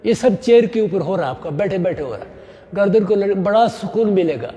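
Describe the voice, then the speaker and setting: A middle-aged man guides a yoga class, his voice high and lively as it rises and falls. The tone is mellow and a little husky. It carries a long reverb from a hall. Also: fairly quick. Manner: mixes English phrases into Hindi, frequent "है ना?" check-ins. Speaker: yoga instructor.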